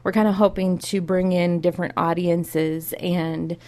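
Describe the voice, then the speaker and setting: Young librarian lady, upbeat, lots of detail, kinda low voice. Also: level tone, a little slow, darkish tone. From Iowa, USA. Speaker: public librarian. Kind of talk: radio interview guest.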